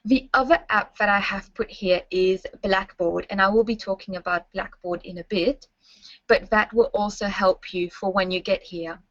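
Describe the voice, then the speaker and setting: Speaking at normal speed with a steady, medium-pitched tone, a young French-native university staff member presents a webinar, friendly and instructive, regularly making sure students keep up. The recording has no room echo and sounds slightly muffled and dull.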